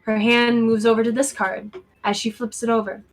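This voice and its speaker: A woman's voice: on the high side, flat delivery, moderate pace, faint music behind. A woman acting as game master, narrating a tabletop role-playing scene and adding casual asides.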